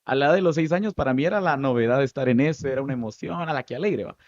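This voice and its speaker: A Guatemalan man in his thirties recounts his path into acting with animated, story-driven energy, and his Guatemalan Spanish accent comes through clearly. His voice sits at a middle pitch. The recording is dry and slightly dull. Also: very fast, dry recording. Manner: animated, lively storytelling with many asides. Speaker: guest, stage actor. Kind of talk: storytelling interview answers.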